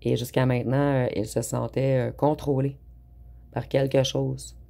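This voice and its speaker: A tarot reader, giving an unhurried spoken reading with frequent hesitant pauses. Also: mid-range voice, flat delivery, vocal fry, mellow.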